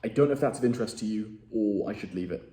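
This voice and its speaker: A man's voice: fairly low pitch, rapid-fire, dark tone. A man with an English accent making cold sales calls, direct and chatty with self-deprecating asides. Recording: roomy echo.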